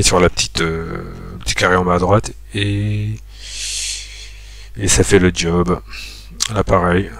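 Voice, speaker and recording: His low-pitched voice carries a screen-recorded spreadsheet walkthrough, full of pauses and filler words as he reasons through each step aloud. The audio has no echo.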